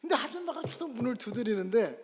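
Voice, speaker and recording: A male pastor from South Korea telling a childhood story in a sermon, animated and acting out scenes, in a church sanctuary. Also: very high voice, quick pace. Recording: long church reverb.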